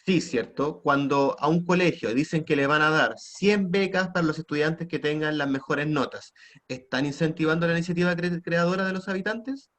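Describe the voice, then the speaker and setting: A man's voice: a little high, normal speed, fairly bright tone. Chilean man teaching an online class. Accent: Chilean Spanish. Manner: questioning, prompts students, tag questions. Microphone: computer mic on a video call.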